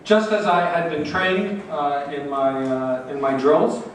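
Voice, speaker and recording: A man interprets slowly and haltingly, his voice pitched a little high for a man. He sits far from the microphone in a strongly echoing hall, with faint noise underneath. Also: fairly even intonation. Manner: halting, many fillers and restarts. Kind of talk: consecutive interpretation at a talk.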